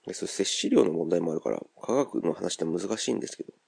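A Kansai man hosts a solo podcast in a low, gravelly voice. His pitch swings widely as he muses aloud, circling back with fillers. The sound is dry and close, with no room around it. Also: lively intonation, fast, a little mellow, no room sound. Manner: rambling and musing, thinks aloud with many fillers. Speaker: podcast host. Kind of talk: casual solo monologue.

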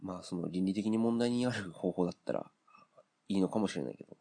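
A man talks alone into his podcast mic, airing blunt opinions in an unhurried, filler-laden way. His voice sits low and carries a gravelly fry. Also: dark tone. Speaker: podcast host. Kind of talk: casual solo podcast monologue.

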